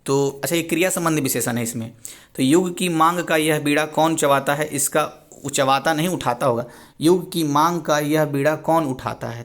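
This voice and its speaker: A man teaching Hindi grammar for an exam, reading wrong sentences and explaining the correct forms, often repeating himself and correcting his own slips. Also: medium pitch.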